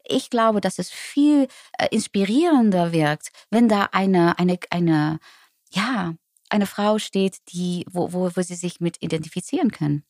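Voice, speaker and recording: A woman's voice: fairly low pitch, measured pace, darkish tone, no room sound, studio quality. A Dutch woman in her forties with a Dutch accent, speaking German as a guest in an interview, often hesitating with fillers and restarts. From Netherlands. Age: 40s. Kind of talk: conversational interview.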